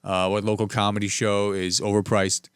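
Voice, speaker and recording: A man's voice: fairly low pitch, little pitch movement, moderate pace, clear, resonant tone, no room sound, clean studio sound. A young man hosting a solo podcast, riffing on the week's news with sarcastic, rambling jokes and asides. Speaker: podcast host. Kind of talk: solo comedic news commentary.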